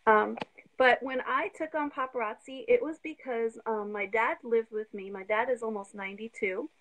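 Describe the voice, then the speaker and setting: Woman, 50s, live guest on a phone call; bright, a touch high, eager and a bit breathless. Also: a little hiss or hum. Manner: eager, talks fast when excited. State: slightly out of breath. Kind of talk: live video interview. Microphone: phone on video call.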